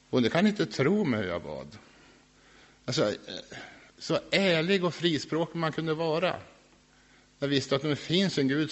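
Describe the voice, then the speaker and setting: Earnest man sharing his faith testimony. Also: mid-range voice. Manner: earnest and reflective, with soft laughs.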